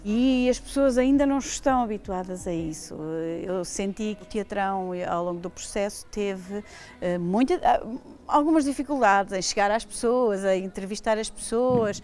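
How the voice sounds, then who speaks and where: A woman's voice: on the high side, a little mellow. A woman sound designer in an interview, speaking earnestly and with emphasis. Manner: earnest, emphatic about art's purpose.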